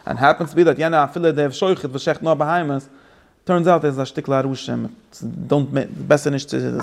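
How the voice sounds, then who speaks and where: A man leads an informal religious class in a slightly high voice with a gravelly edge. He talks quickly, stops and restarts often, repeats words, and slips English phrases into his explanations. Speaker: teacher giving a religious class. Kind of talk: informal lecture to students.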